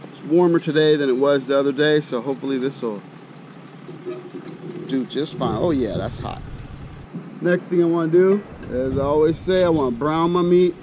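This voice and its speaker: He's a middle-aged American host of an outdoor cooking channel, speaking at normal speed with frequent pauses. Folksy and colloquial, he thinks aloud while demonstrating camp cooking, recorded outside with heavy rumble in the background.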